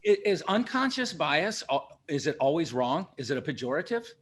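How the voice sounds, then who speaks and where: A man's voice: a little high, sing-song, normal speed, a bit bright, breathy edge. A man hosting an interview, asking questions hesitantly with many restarts. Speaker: interview host.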